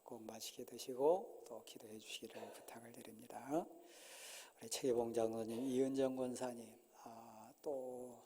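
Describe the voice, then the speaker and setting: A man pastoring a congregation speaks in a husky, warm-toned voice, giving announcements between frequent halting pauses. His words carry a long reverb from the church sanctuary around him. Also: mid-range voice. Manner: halting, many drawn-out "ah" pauses.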